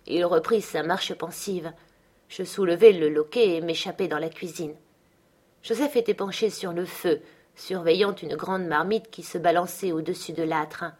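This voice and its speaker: A woman narrating a classic novel in the first person, in a measured reading. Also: fairly low pitch, darkish tone. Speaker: audiobook reader. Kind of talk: literary audiobook narration.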